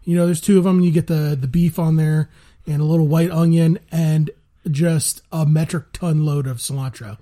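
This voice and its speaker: A man co-hosting a casual food-review chat, relaxed and drawn out, saying "man" a lot. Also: a little high, moderate pace. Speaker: podcast co-host.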